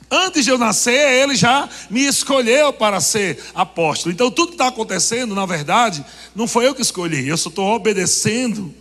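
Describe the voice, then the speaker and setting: A man's voice: high voice, animated, normal speed, a bit bright, husky. A man preaching a sermon, joking and laughing with the congregation. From Brazil. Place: church hall. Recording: long reverb of a church hall.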